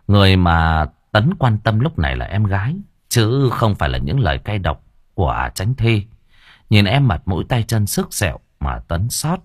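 A man narrating an audiobook story in an expressive, lively way. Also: on the low side, breathy edge, no room sound, clean studio sound.

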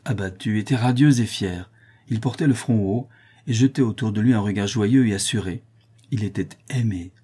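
A man's voice: on the low side, dark tone, husky. A man narrating a classic novel as an audiobook, animatedly voicing the dialogue. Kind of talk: scripted narration.

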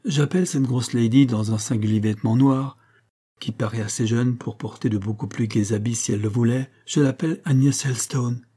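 A man's voice: medium pitch, fairly even intonation, normal speed, mellow, breathy edge, lightly acted. Man as a bluff old clergyman. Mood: hearty. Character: bluff older clergyman uncle, brusque.

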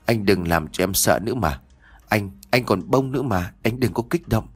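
A man's voice: on the low side, lively intonation, moderate pace, breathy edge. A man voicing a tearful, devoted young wife. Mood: pleading. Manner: pleading, anxious.

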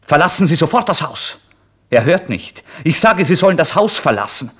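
Casting: a man putting on a shrill, scolding landlady in a radio play, shrieking high and loud. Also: big pitch swings, moderate pace, slightly rough, exaggerated voice. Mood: furious. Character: shrill angry pregnant landlady.

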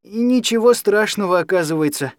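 A man's voice: high-pitched, animated, fairly quick, smooth, no room sound, studio quality, pitched above the performer's own voice. A man voicing a timid, naive young man who speaks meekly and plaintively, in a storybook reading. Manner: meek, plaintive.

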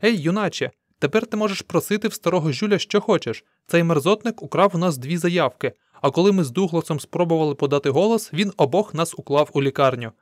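A man's voice: a little high, animated, fairly quick, dry recording, studio quality, lightly acted. A man voicing an old male prospector in a storybook, speaking in a raised, emphatic way. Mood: excited. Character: old male prospector, excitable and loud-spoken.

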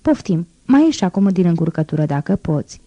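A woman's voice: lowish voice, very animated, dark tone, no echo. A woman voicing a frantic, grief-stricken old man who laments aloud to himself in an audiobook reading. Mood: despairing.

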